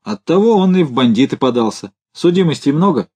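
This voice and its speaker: A man's voice: a little high, expressive, brisk, darkish tone, husky, pitched above the performer's own voice. A man voicing a blunt, suspicious male official who grumbles his questions. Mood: grumbling.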